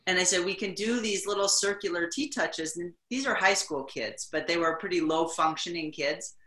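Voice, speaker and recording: A woman's voice: lowish voice, normal speed. Roomy-sounding woman telling a story. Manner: animated storyteller, hesitant fillers. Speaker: practitioner sharing a story. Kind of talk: casual storytelling on a video call.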